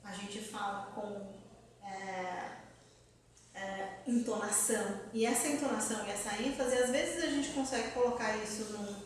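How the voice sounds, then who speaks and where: A woman's voice: medium pitch, unhurried, a little hiss or hum. A woman professor giving a lecture to an audience, quizzing the room and laughing often as she explains. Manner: lively, asks the audience questions, laughs often. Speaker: university professor giving a talk. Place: lecture hall. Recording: loud echoey hall, far from mic.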